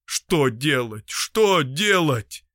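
A man playing a gruff, anguished middle-aged male doctor who talks in despairing, emphatic bursts. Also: mid-range voice, unhurried, no room sound, studio quality, natural voice. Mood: desperate.

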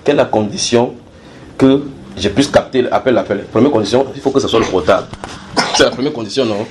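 Male preacher, brisk Bible teaching, repeats his points and quizzes the room, faint hiss behind. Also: mid-range voice. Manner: explanatory, repeats key phrases, builds everyday analogies; asks listeners questions and draws call-and-response. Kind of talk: sermon-style Bible teaching to a group.

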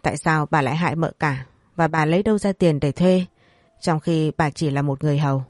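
A woman's voice: low-pitched, brisk, darkish tone, dry recording, clean studio sound. Woman voicing a stern young master. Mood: stern interrogating. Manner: stern, threatening, mocking.

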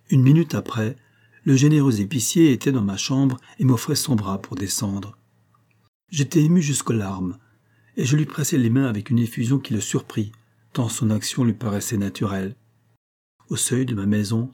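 A man reading a classic novel aloud as an audiobook, in a measured, earnest first-person storytelling manner. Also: lowish voice, dark tone, breathy edge. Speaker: audiobook reader. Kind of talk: literary audiobook narration.

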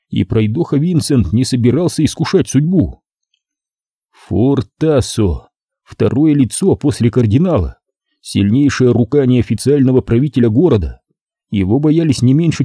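Audiobook reader: male, deep and husky timbre, lively inflection, dry booth sound. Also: dry recording. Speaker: audiobook narrator. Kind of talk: first-person novel narration.

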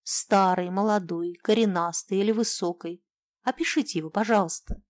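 A woman's voice: mid-range voice, normal speed, lightly acted. A woman voicing a bold young woman who presses with earnest questions.

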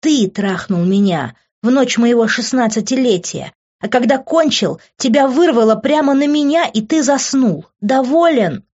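A woman voicing a hurt, furious teenage girl who shouts through tears. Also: fairly high pitch, slow pace, dull audio.

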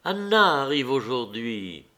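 A man reading a classic novel aloud, voicing a remorseful husband who pleads slowly, near tears. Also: mid-range voice, big pitch swings, sharp tone, heavily acted. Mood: pleading. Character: remorseful, tearful unfaithful husband.

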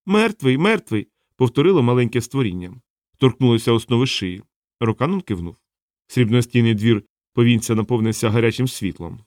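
A man reads a novel aloud in an even, steady storytelling manner. His voice sits in a middle register. The recording is dry, with no room sound. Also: mid-range voice, a little fast, dry recording. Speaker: audiobook narrator. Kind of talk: scripted narration.

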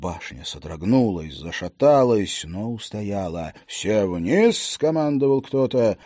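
A male audiobook narrator tells a battle story in the first person, with vivid, dramatic delivery. His voice is mellow and unforced. The recording is close and dry. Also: lowish voice, expressive, a little slow, dry recording. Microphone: close studio mic.

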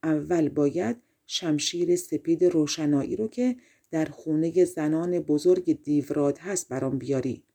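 A woman's voice: deep voice, mellow. A woman voicing a five-headed male giant in a storybook, speaking as a demanding master. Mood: commanding.

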